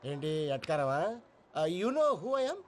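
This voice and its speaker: A man's voice: fairly high pitch, big pitch swings, slow, noisy background. An actor playing a boastful, hot-tempered male dancer who talks in a quarrelsome way in a comic film.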